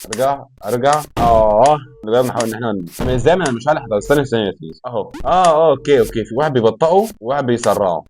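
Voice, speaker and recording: Young man, Egyptian accent, fast talker, let's play commentary, excitable outbursts. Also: mid-range voice, noisy background. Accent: Egyptian Arabic. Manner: excitable, talks to himself and the game, yells in frustration. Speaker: gaming YouTuber.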